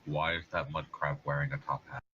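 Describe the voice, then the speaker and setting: A man's voice: a bass voice, little pitch movement, brisk, sharp tone. A man playing a tabletop game, wry and sometimes theatrical in character, on a dull lo-fi mic with faint noise. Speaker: player. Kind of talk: casual tabletop play.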